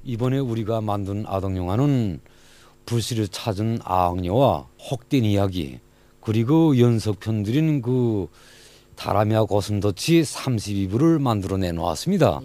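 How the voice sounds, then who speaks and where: A man's voice: fairly low pitch, lively intonation, moderate pace, mellow. A man with a North Korean accent explaining his studio's work in a prepared interview. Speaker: film studio staff being interviewed.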